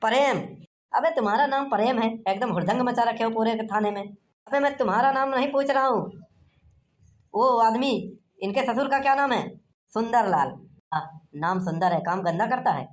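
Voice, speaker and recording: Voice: medium pitch, normal speed, natural voice. A performer voicing a bossy, curt police inspector in a cartoon comedy, barking orders and mocking people. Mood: gruff. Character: gruff, lazy small-town police inspector.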